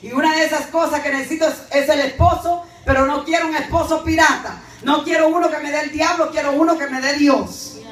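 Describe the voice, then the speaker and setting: A woman's voice: sits high, steady tone, a little fast, few pauses. A woman preacher from Guatemala with a Guatemalan accent, giving a fervent, emphatic sermon straight to her congregation. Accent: Guatemalan Spanish. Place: church. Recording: echoey church hall, mic far off, faint noise.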